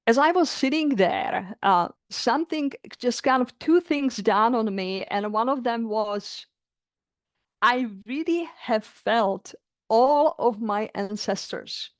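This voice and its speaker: A woman's voice: medium pitch, no room sound, clean studio sound. A middle-aged woman from the Republic, earnestly sharing a personal experience in heartfelt, searching words. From Czech Republic. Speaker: coaching client. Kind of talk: reflective personal testimony.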